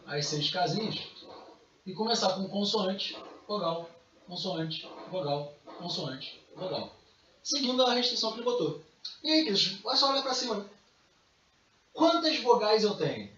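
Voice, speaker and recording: A man's voice: sits high, a bit bright. A man with a Brazilian accent teaching a recorded math lesson, casual and chatty, calling his students dear. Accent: Brazilian Portuguese. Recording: distant, roomy, dull recording with faint noise.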